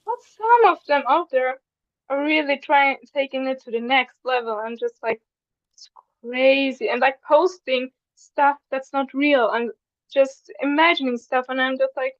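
A woman's voice: high voice, measured pace, dry recording. A young woman joining a podcast as a guest in casual chat, talking in long run-on sentences with fillers. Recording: dull, dry lo-fi audio.

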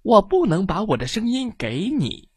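Storybook rooster , a woman voicing: proud, kindly, loud and firm, dry close sound. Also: mid-range voice, sing-song, normal speed, slightly rough, dry recording, voice pushed up.

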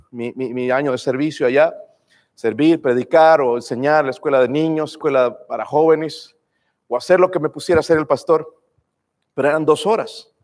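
High-voiced fervent preacher in a hall. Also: male voice. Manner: fervent, calls out to the congregation with "hermanos" and "amén". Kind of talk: sermon. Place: church sanctuary. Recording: long reverb of a church hall.

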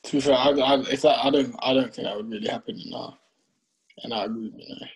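A man's voice: mid-range voice, steady tone, fast talker, rough recording. A young man with a London roadman accent in casual chat, slangy and repeating phrases for emphasis. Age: young adult.

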